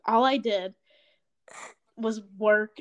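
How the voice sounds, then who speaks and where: A woman's voice: medium pitch, extremely slow, lo-fi sound. A teenage girl co-hosting a casual podcast, chatty and earnest as she encourages listeners. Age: teens. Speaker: podcast co-host.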